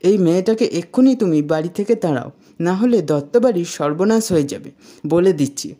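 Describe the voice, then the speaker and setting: A cranky, bossy old uncle who bursts into alarmed scolding, as a woman reads his lines in a retold TV serial. The voice sits low and mellow, with no edge. His lines come in agitated bursts. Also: expressive, moderate pace.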